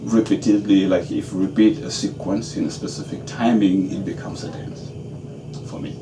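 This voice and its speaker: A very deep-voiced man answers interview questions in a measured way, often pausing to ask "okay?". He sounds far from the mic in an echoey room with clear background noise. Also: little pitch movement. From Senegal. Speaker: dance graduate student. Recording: roomy, distant and noisy.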